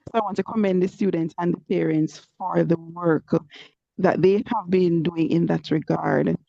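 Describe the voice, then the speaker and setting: A woman with a gravelly edge, speaking as a teacher to parents. Her voice comes through a muffled, lo-fi online group call and sounds dry and close. She praises warmly and drops "you know" into her sentences. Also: fairly low pitch, no room sound. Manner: warm praise, frequent "you know" fillers. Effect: online group call audio, connection breaking up. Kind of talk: update to parents in an online meeting. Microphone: computer or phone mic on a video call. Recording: muffled, lo-fi video call audio.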